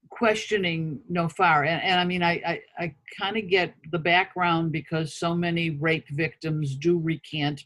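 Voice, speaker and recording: Higher-voiced man questioning in a book club. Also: fairly bright tone. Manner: hesitant, stammering, quick bursts. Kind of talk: casual book club discussion.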